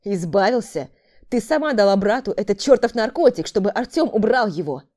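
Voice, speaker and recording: A woman's voice: medium pitch, sing-song, brisk, a little mellow, close to an everyday voice. A woman voicing a brutal male killer in an audiobook, harsh and barking insults at his sister. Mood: angry. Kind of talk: audiobook character voice.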